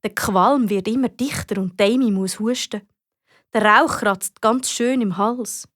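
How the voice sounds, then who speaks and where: A woman with a Swiss German accent narrating a children's audiobook in a lively, expressive way. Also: a little high, unhurried, dry recording, clean studio sound. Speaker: storyteller.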